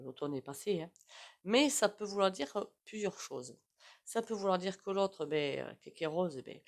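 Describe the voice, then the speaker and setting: A woman with a regional French accent giving a casual, rambling tarot reading to her viewers, with frequent "hein" asides. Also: fairly low pitch. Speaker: tarot reader.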